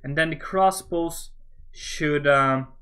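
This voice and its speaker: A man's voice: a little high, slow pace, a bit bright, clean tone. A man from Norway with a Norwegian accent, casually talking to himself and joking with viewers as he builds in a game. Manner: rambling, self-talking while building, joking. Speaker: Minecraft builder streaming. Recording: faint background music.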